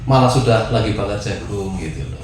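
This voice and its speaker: A man's voice: lowish voice, fairly quick, a little hiss or hum. Man telling a long story in an echoey room. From Central Java. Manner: animated storyteller, voices the people in his tale. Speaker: guest storyteller. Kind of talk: casual storytelling chat.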